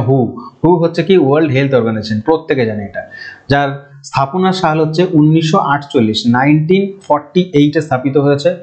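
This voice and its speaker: A man's voice: mid-range voice, darkish tone. A male teacher gives a chatty exam-prep lecture, repeating key terms and slipping English words into his talk. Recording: dull lo-fi sound.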